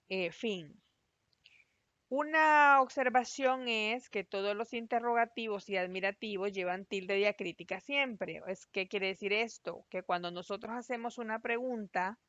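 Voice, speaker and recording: A woman teacher giving a recorded class, explaining patiently and spelling out syllables slowly. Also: medium pitch, fairly bright tone, no echo. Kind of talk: recorded online class lesson. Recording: dry, slightly dull lo-fi voice-over.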